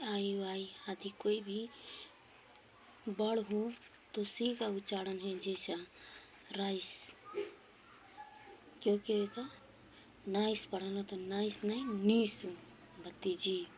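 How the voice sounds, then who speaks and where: A woman gives a spoken lesson on English pronunciation, drilling words one at a time, repeating each and explaining its meaning. Her mid-range voice is level in tone and a little mellow, slow with frequent pauses, and there is a faint hiss or hum.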